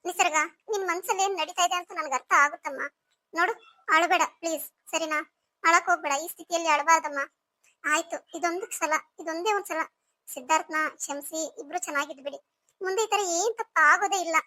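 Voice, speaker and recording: A woman's voice: extremely high pitch, fairly even intonation, a little fast, sharp tone, dry recording. A woman voicing a caring older sister figure in a cartoon story, coaxing and soothing as she talks.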